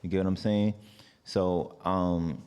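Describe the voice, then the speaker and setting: In a casual interview, a guest who is a singer and artist talks through his story with a very deep voice and a New York accent, slowly and in a relaxed, rambling way. He relies on fillers like "like" and "you know" and trails off between thoughts. The tone is clean, though a long hall reverb hangs on the sound.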